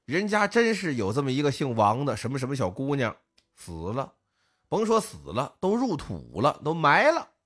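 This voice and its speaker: A man, co-hosting a podcast and telling a folk tale in lively, casual speech, putting on the voices of the villagers. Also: mid-range voice, moderate pace. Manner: lively storyteller, acts out village voices, northern colloquial. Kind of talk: casual storytelling chat.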